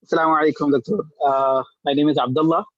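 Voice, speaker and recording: A man from Pakistan, a PhD student, giving a loud, brisk introduction on a video call. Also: a little high, fairly even intonation, dry recording, dull audio.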